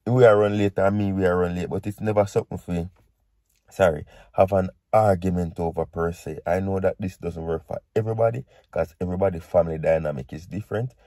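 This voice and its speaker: A man's voice: low voice, steady tone, a little fast, mellow, no echo. A man with a Jamaican accent talking casually to viewers as a vlog host, explaining things conversationally and often checking that they follow. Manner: conversational, repeats points and checks in with "right?" and "you see".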